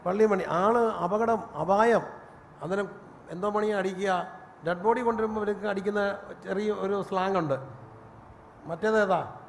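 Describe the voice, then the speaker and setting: A man preaching a sermon as pastor, telling stories with animated delivery and rising to a shout. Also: high-pitched, moderate pace, creaky, pauses often. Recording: long reverb, faint room noise.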